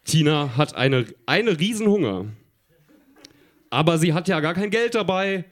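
A man's voice: fairly high pitch, expressive, measured pace. A man on a live stage reading aloud his own childhood story, amused and laughing along. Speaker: reader at a live reading show. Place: live stage before an audience.

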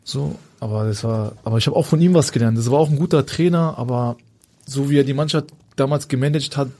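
A man's voice: mid-range voice, fairly quick, dark tone, no echo. A man, a former footballer, telling stories in a loose, colloquial way as a guest in casual conversation, often searching for words. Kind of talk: casual anecdotal storytelling.

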